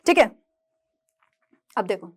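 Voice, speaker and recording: A young woman teacher explaining grammar step by step, often asking checking questions. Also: takes it slowly. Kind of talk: grammar lesson.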